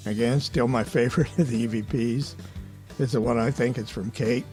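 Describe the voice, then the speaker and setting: A man hosting a paranormal investigation show, giving a casual voice-over recap in a relaxed, conversational way and often hedging his opinions. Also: medium pitch, moderate pace, faint music behind.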